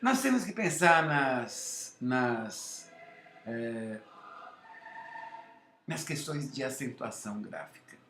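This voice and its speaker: A man's voice: medium pitch, animated, fairly bright tone. A man teaching a lesson on phonetics, explaining step by step and checking in with rhetorical questions. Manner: slow, deliberate explaining with many rhetorical questions. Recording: echoey room.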